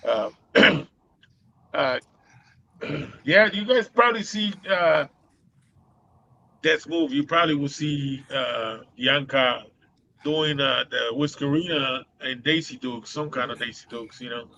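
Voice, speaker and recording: A man's voice: medium pitch, takes it slowly, creaky, long pauses, pushed and bright, dull audio, slight background noise. A man with a Boston accent hosting a casual live show, rambling with many fillers and laughing often. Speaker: host.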